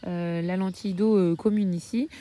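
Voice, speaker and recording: A woman's voice: fairly low pitch, fairly even intonation, normal speed, dark tone. A woman from France talking casually about her hens in a homestead vlog, hesitating often with filler sounds. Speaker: backyard poultry keeper.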